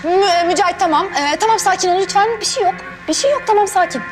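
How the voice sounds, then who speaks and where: An actress playing an anxious young woman who keeps pleading with a friend to stay calm, in a TV drama. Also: very high voice, fast. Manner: pleading, soothing. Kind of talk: TV drama acting. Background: background music.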